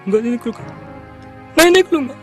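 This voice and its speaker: An actor playing a starving, beaten outcast man in a film, speaking in halting, tearful, pleading phrases. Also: very high voice, animated, faint music behind. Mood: pleading, broken. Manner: broken, halting and pleading speech. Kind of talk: dramatic movie acting.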